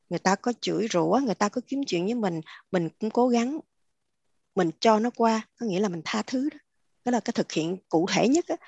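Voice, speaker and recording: A woman's voice: mid-range voice, darkish tone, slightly rough, no echo, dull audio. A woman hosts a spiritual discussion. She explains through homely examples and laughs easily. Her voice is close and dry, with no room sound around it. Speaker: discussion host.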